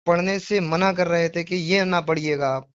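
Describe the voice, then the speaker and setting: Heard over a muffled, lo-fi phone line with no room sound, a man whose voice sits somewhat high talks at normal speed in a steady, clear, resonant tone. A devotional poetry reciter, he earnestly defends himself, apologetic yet insistent, circling back to his point and asking questions he assumes you'll agree with.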